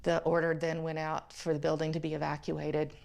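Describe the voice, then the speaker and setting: A woman's voice: low voice, monotone, brisk, creaky, darkish tone. A woman who managed counterterrorism analysts speaks intensely and urgently in a documentary interview.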